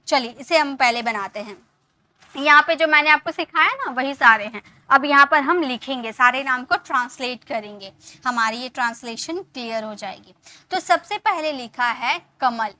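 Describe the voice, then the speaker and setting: Woman teacher, high voice, bright tone, patient, repeats and checks understanding. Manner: patient, repeats points with frequent check-ins. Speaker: English teacher. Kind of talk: explanatory online lesson.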